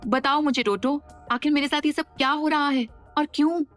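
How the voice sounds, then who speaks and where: A woman doing a young pregnant wife in an audio drama, her voice lifted noticeably higher than the narration. She sounds anguished and sharp, and accuses with every word. Soft music plays underneath. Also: expressive, fast, close to an everyday voice. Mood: anxious. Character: young pregnant woman, frightened then furious.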